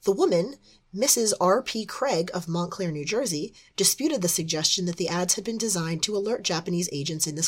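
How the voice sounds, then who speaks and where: A woman's voice: on the low side, husky. A woman putting on a smoky 1960s newsreader. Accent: Midwestern US. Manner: measured newsreader delivery. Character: smoky-voiced woman TV news reporter, 1960s. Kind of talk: reading a news report aloud.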